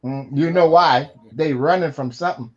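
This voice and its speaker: A man joining a casual live stream chat, teasing the others with quick, playful remarks. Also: on the high side, dull audio, a crowd in the background.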